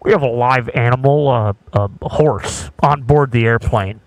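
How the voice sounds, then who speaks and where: A man putting on an airline pilot making a cockpit announcement to the passengers, speaking slowly and deliberately over faint background noise. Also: mid-range voice, no room sound, lightly acted, low-quality recording. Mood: announcing. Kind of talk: comedic bit on a podcast.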